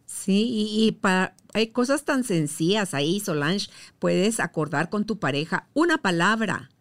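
A woman's voice: medium pitch, animated, a little slow. Woman podcast host chatting. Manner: friendly, affirming with short "ujú". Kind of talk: casual chat.

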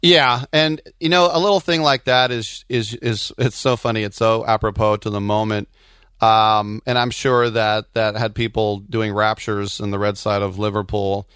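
A man with a fairly low, smooth voice in casual sports talk. He speaks as a commentator who drifts into anecdotes. The sound is close and dry. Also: fairly even intonation, moderate pace, fairly bright tone, dry recording. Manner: digressive, anecdotal. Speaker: soccer commentator and co-host.

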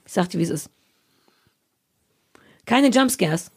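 A woman's voice: medium pitch, expressive, a little slow, a little mellow, breathy edge. A woman co-hosting a podcast and author, from eastern Germany, chatting casually and teasing her co-hosts in a playful way. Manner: playful, teasing, self-promoting. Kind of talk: casual chat.

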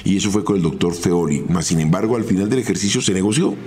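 Deep-voiced Colombian man recounting his past. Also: a little mellow. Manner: measured, recounting step by step. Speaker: former footballer telling his career story. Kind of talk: first-person podcast storytelling.

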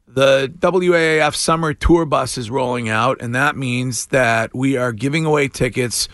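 A man's voice: medium pitch, normal speed, a bit bright, dry recording, studio quality. A man working as a morning radio host, delivering a contest promo in an announcer-like manner. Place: radio studio.

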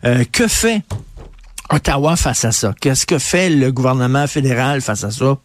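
A Québécois man with a Québécois French accent hosts a radio talk show, delivering emphatic, opinionated commentary and hammering his points through repetition. He speaks at a medium pitch and moderate pace, with frequent fillers and restarts.

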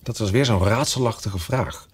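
A man's voice: lowish voice, moderate pace, breathy edge. A man reading a children's story aloud, narrating expressively and giving the characters their own voices. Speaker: audiobook narrator.

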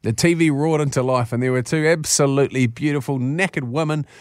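A man's voice: medium pitch, a little fast, no echo, clean studio sound. A man with a New Zealand accent hosting a radio show, reading out listener messages and bantering in a jokey, blokey, colloquial way.

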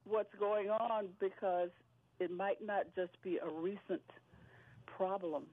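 A woman calling in over the phone, talking in a halting, hesitant way with many restarts. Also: mid-range voice, steady tone, dry recording. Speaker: caller. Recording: tinny phone line, dry.

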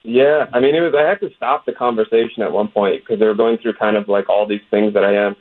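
A comedian from West Virginia, USA, calls in as a guest for a phone interview and earnestly recounts a conversation, quoting both sides of the exchange. His voice is lowish, steady and quick, and the phone line sounds tinny.

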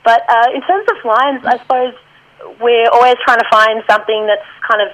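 A woman's voice: a little high, fairly even intonation, normal speed, a bit bright, no room sound, rough recording. Chatty woman improviser. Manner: friendly and chatty, laughs easily. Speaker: improv performer guest. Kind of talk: casual interview chat.

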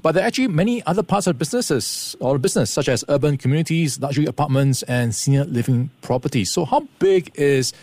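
A man's voice: a little high, animated, fast talker, hardly any pauses, darkish tone, dry recording. Dry, close-sounding male radio interviewer. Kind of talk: broadcast interview.

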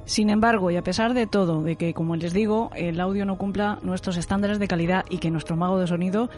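A woman's voice: fairly low pitch, fairly even intonation, brisk, a little mellow. A woman with a Spain Spanish accent presents a prepared podcast introduction as host, formal and courteous. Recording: music under the voice. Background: music.

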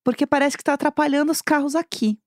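A woman's voice: sits high, steady tone, fast, a little mellow, no room sound, clean studio sound. A young woman, telling a story in casual podcast chat and acting out the voices of the people in it. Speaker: podcast co-host.

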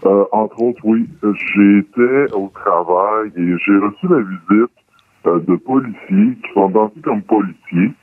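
Man with a disguised, deep altered voice. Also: unhurried. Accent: Quebec French. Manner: hesitant, many fillers. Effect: voice disguised, electronically lowered. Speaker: caller. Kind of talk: casual phone call to a radio show. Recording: dry tinny phone line.

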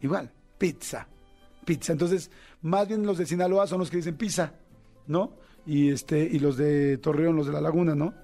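A man's voice: fairly high pitch, fairly even intonation, moderate pace, mellow, faint music behind. A man with a Mexican accent hosting a radio show, chatting casually and joking, rambling with fillers as he thinks aloud. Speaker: radio host. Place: radio studio.

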